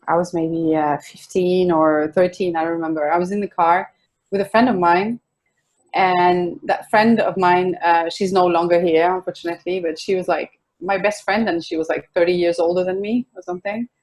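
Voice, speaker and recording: A young woman with a Swedish accent talks in a relaxed, chatty way as an interview guest. Her voice sits a little low, with soft laughs and easy restarts. It sounds like a video call from home. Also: moderate pace. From Sweden. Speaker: guest singer-songwriter. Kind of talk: casual interview chat. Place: home in a city apartment.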